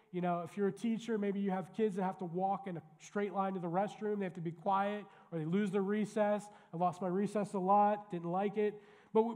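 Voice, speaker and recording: A male pastor delivers a sermon in a relaxed, conversational way, turning to the congregation with quick asides. His voice sits somewhat high for a man. The sound rings with the long reverb of a church sanctuary.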